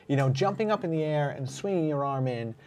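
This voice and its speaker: A man's voice: fairly high pitch, lively intonation, brisk, darkish tone, slight background noise. A man hosting a casual sports podcast, recapping a rugby match in a conversational way with many fillers. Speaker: podcast host.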